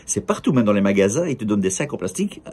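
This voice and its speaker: Belgian guy rambling + joking on a café terrace, low husky voice, middle-aged. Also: big pitch swings, very fast, dark tone. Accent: Belgian French. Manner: chatty, jokey, rambling with repeats and fillers. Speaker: vlogger. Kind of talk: casual direct-to-camera monologue.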